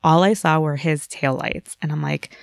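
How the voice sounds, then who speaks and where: A woman in casual podcast chat, telling a story in an animated way and acting out the lines of the people in it. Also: low-pitched, moderate pace, vocal fry, dry recording, studio quality. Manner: animated storytelling with voiced quotes.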